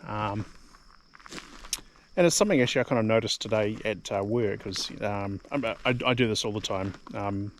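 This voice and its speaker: A middle-aged New Zealand man with a New Zealand accent, a vlogger, rambles casually to camera, full of ums and repeated words. His voice is lowish and his pace moderate, with faint background noise.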